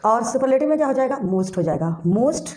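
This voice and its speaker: In this classroom grammar lesson, a woman's somewhat high, darkish voice moves briskly with lively intonation. She poses questions to herself, answers them, and spells words letter by letter as she teaches English grammar.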